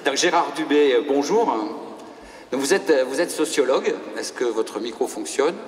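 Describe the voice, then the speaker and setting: A man's voice: medium pitch, lively intonation, normal speed. A man moderating a live public round table, formal and often searching for his words. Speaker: panel moderator. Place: hall before an audience. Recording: echoey hall with background noise.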